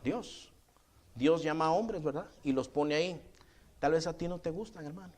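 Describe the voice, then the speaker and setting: A man's voice: fairly high pitch, normal speed, a little mellow. A male pastor, preaching a sermon in a conversational tone and often calling listeners brother. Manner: acts out quoted voices in dialogue.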